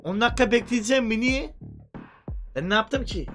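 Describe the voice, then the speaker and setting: A man streaming a shooter game, chatting excitably and cursing, sometimes yelling into voice chat. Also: extremely high pitch, normal speed, faint music behind. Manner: excitable, swears a lot, yells greetings into voice chat. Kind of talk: casual gaming commentary.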